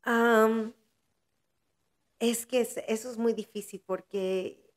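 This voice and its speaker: A woman's voice: fairly high pitch, fairly even intonation, slow pace. An older woman preacher giving earnest testimony in a podcast interview, with heartfelt swells. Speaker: guest preacher.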